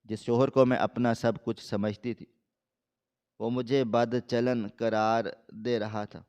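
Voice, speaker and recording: Smooth-voiced male storyteller. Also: mid-range voice, flat delivery, a little mellow, highs cut off. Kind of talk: first-person scripted story narration.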